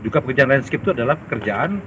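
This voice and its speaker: A male official giving a statement in a news interview, halting, with pauses and fillers. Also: mid-range voice, expressive, noisy background.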